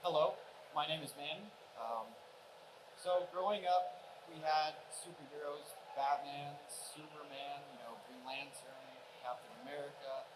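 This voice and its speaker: A man's voice: a little high, measured pace, noisy background. A man in the audience earnestly asking the panel a question. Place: convention hall audience.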